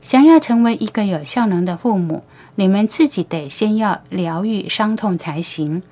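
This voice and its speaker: A woman reading the lines of a calm male alien teacher in an audiobook, patient and knowing as he talks to human parents. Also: medium pitch, moderate pace, natural voice. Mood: gentle, instructive.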